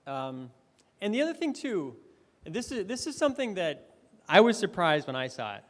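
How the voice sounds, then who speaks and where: A man's voice: high-pitched, big pitch swings, normal speed, fairly bright tone. A man giving a conversational, enthusiastic conference presentation, checking in with the audience with questions as he goes. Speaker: conference speaker. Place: conference hall. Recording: long hall reverb.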